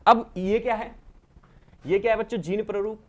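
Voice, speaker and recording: A man with a Rajasthani Hindi accent teaching a class, lively and repetitive, asking students questions and answering them himself. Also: high-pitched, moderate pace. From India. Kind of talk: classroom lecture.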